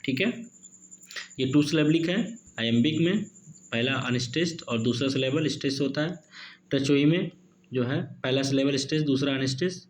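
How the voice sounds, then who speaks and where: A man teaching an exam-prep literature lesson, mixing Hindi and English, reading questions out slowly and adding "okay" and "friends" often. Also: medium pitch, a little hiss or hum. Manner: reads questions slowly, peppers with "ठीक है" and "दोस्तों".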